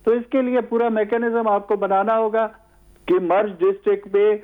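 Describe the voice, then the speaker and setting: A male analyst speaks over a tinny, phone-like line. His voice sits a little high, and he talks in a measured way, pausing often and restarting his sentences as he explains his view. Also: level tone. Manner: measured, hesitant with many fillers. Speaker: political analyst guest. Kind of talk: studio talk show discussion.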